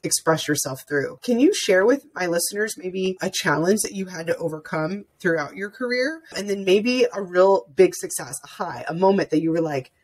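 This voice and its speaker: A young woman hosts a podcast, talking earnestly and with feeling, looping back over her own sentences. Her voice is a little low and husky. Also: expressive, moderate pace, few pauses, darkish tone. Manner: earnest and emotional, talks in looping restarts. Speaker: podcast host. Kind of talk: casual interview chat.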